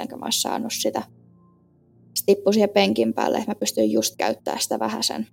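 A woman earnestly retelling a personal experience in casual speech, halting with fillers and often sinking low and soft at the ends of phrases. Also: creaky. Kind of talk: personal story told in casual spoken Finnish.

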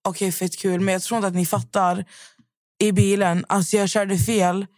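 A woman's voice: medium pitch, no room sound, clean studio sound. A woman with a Swedish accent, a podcast host telling stories in casual chat and acting out what people said. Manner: animated storyteller acting out quotes.

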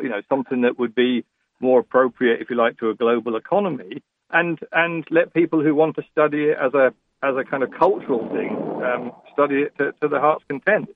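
Gravelly man on a phone-like line. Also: mid-range voice. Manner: halting, repeating words. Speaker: phone-in debater. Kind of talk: radio debate. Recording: narrow phone-like radio line.

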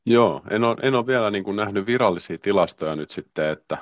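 Deep-voiced man, dry close sound. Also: expressive, dry recording. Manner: measured, hedging, many restarts. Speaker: podcast co-host. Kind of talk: casual discussion on work culture.

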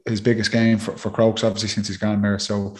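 A man's voice: lowish voice, level tone, a little fast. A man with an Irish accent giving casual match analysis and banter as a podcast pundit. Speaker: sports podcast pundit, former player.

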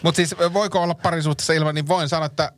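A man's voice: on the high side, fairly even intonation, background noise. A man co-hosting a casual podcast, swearing freely and laughing often as he reads out listener questions. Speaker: podcast co-host.

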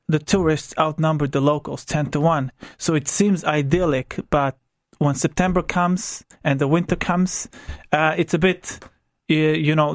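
A man's voice: on the high side, dry recording. Croatian-accented young man, hesitant studio guest. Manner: hesitant, full of fillers and restarts, candid. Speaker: interview guest. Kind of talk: radio interview. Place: radio studio.

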